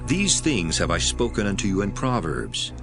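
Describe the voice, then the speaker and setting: A man's voice: lowish voice, huge pitch swings, moderate pace, gravelly, heavily acted. A man playing Jesus, a solemn, tender teacher, in a dramatized scripture reading with earnest, prayerful delivery. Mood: teaching. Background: background music.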